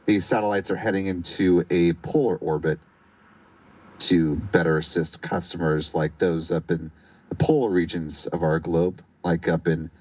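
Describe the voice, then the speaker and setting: Deep-voiced man giving live commentary. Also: fairly even intonation, no room sound, poor audio. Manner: measured, explanatory. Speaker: launch webcast commentator.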